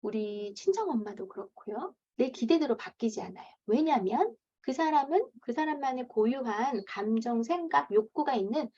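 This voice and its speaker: A woman's voice: on the high side, expressive, normal speed, few pauses, warm tone. A woman in her thirties, a parenting coach, giving a lecture and acting out parents' lines in a raised voice. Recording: dull lo-fi lecture recording.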